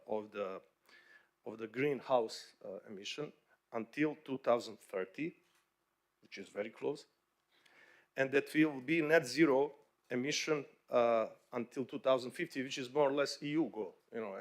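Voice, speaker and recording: A bank executive panelist from Bosnia addresses a conference in English in a conversational, stop-start way, with frequent fillers and restarts. His pitch sits in the middle range.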